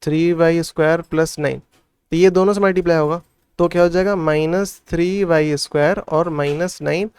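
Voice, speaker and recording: A man's voice: on the high side, steady tone, normal speed, a little mellow, clear, resonant tone, dry recording. A man working through maths problems step by step as a tutor, thinking aloud and often checking in with the listener. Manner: thinks aloud, frequent "theek hai" checks. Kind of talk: solving textbook problems step by step.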